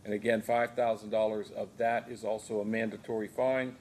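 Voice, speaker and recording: An American man speaking as a judge, formally and procedurally questioning a defendant in a measured way with occasional hesitant pauses. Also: fairly low pitch, level tone, darkish tone. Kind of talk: formal plea hearing questioning. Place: courtroom. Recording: noisy courtroom recording.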